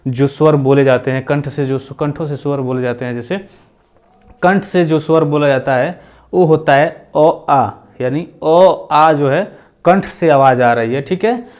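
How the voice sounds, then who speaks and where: Man teaching exam grammar. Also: a little high. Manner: explanatory, repeats himself, demonstrates vowel sounds aloud. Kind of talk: exam-prep lecture.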